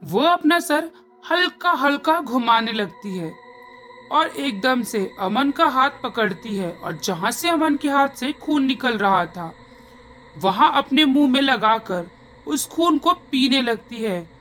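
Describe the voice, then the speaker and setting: High-voiced woman narrating a horror story. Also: expressive, takes it slowly, a bit bright, a little hiss or hum. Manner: suspenseful storytelling.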